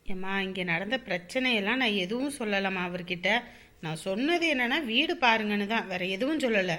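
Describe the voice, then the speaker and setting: Brief: soft-hearted mother in a family drama, soothing and affectionate, very bright voice. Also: medium pitch, animated, brisk. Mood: worried pleading. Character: gentle, caring young mother.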